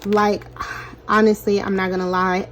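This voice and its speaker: A young woman talks her viewers through her budget in a loose, chatty vlog style. Her voice sits a little high, and she sounds slightly short of breath. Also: normal speed, darkish tone, a little hiss or hum. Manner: chatty, addresses viewers as "you guys". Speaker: budgeting vlogger. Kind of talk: casual cash-stuffing chat.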